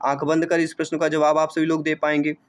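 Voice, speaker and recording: A man's voice: fairly high pitch, completely flat delivery, quick pace. A man teaching an exam-prep lesson, calling listeners dear friends and brother and repeating answers back as questions.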